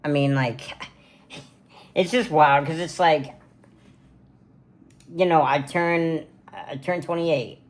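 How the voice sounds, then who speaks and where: A man's voice: fairly high pitch, fairly even intonation, slow pace, pauses often. A man in his twenties talking casually to camera in a birthday vlog from his gaming room, rambling with lots of fillers. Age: 20s. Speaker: content creator. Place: home gaming room, indoors.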